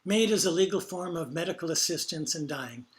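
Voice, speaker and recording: A man reading personal stories from care work as a reflection during a service, in a quiet, measured way. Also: fairly high pitch, animated.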